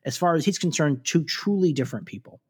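A man's voice: a little high, lively intonation, quick pace, darkish tone, husky. A man co-hosting a casual podcast, recapping a TV episode in a chatty way with frequent fillers and restarts. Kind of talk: casual chat.

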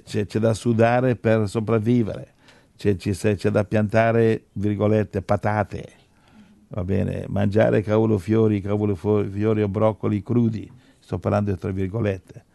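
A man's voice: fairly low pitch, gravelly, mellow, no room sound. A man preaching a sermon and leading a Bible study, exhorting his listeners and often stumbling through repeated restarts.

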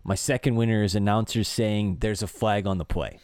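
A man's voice: on the low side, steady tone, fairly quick, crowd noise. A man from Canada hosting a casual sports podcast, easygoing with dry understated humor. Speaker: podcast host.

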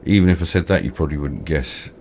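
A British man with toothless, slightly slurred speech, hosting a casual film chat in a halting, repetitive, rambling way. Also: a bass voice, a little mellow, a little hiss or hum. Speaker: film discussion host.

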